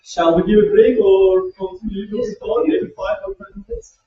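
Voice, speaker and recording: Male workshop lecturer, lively sing-song delivery, gravelly edge. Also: high-pitched, moderate pace. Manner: chatty, laughs often, fills with "you know". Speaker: workshop speaker. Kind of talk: lecture on academic writing. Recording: roomy, distant, dull sound.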